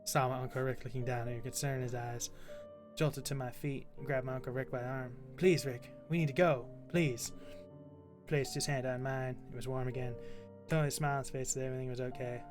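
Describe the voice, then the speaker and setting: A male streamer reading a creepypasta aloud with expressive delivery, breaking off now and then to mutter. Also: mid-range voice, fast talker, over music. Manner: expressive reading, quiet muttering asides while gaming. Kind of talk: reading a horror story aloud.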